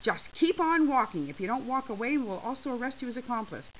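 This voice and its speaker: A woman's voice: fairly high pitch, sing-song, fast talker, voice pushed up. A woman reading a story, voicing a stern uniformed woman store guard. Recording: slightly dull with faint hiss.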